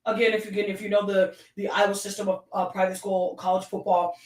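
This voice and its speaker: A woman with a Southern accent hosting her own sports talk stream, ranting with emphatic, animated delivery. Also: mid-range voice, fast talker, reverberant, recorded from a distance, poor audio. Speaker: sports show host.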